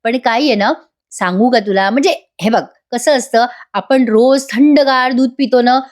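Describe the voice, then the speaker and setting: A woman's voice: on the high side, normal speed, a little mellow, lightly acted. A woman voicing a playful young husband who jokes and coaxes his wife. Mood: teasing. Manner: joking, coaxing.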